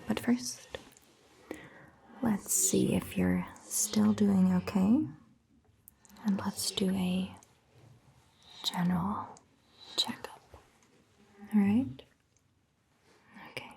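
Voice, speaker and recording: This ASMR performer whispers most of the roleplay, voicing an attentive, caring female vampire doctor looking after a patient. She sounds breathy and hushed at a medium pitch, slow and reassuring, posing gentle questions, with slight noise in the background.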